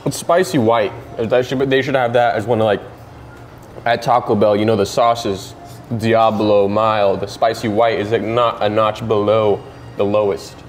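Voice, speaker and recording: A man's voice: on the low side, steady tone, normal speed, soft background music. A young man co-hosting a casual food mukbang, teasing and bantering with his friend in a restaurant. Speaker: co-host. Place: restaurant in Toronto.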